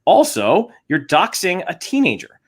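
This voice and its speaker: A man co-hosting a casual podcast chat, animated and joking. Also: sits high, a little slow, breathy edge. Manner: animated, joking, puts on silly voices. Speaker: podcast co-host.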